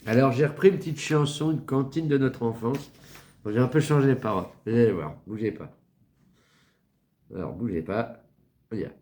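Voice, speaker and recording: A man's voice: medium pitch, fast talker, darkish tone. A man from France giving a casual satirical monologue, mocking, rambling and crude, with lots of filler words. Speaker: satirical commentator.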